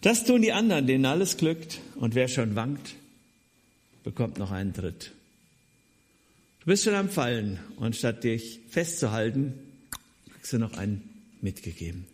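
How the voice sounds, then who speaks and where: A man teaching on a Bible passage in a conversational style, speaking straight to his listeners with wry asides, his voice rising for emphasis and dropping low and quiet at times. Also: big pitch swings, measured pace, pauses often. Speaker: preacher.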